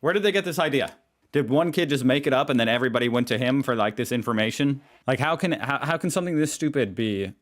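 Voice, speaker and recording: A man hosting a reaction video, delivering sarcastic, deadpan commentary. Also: mid-range voice, fast.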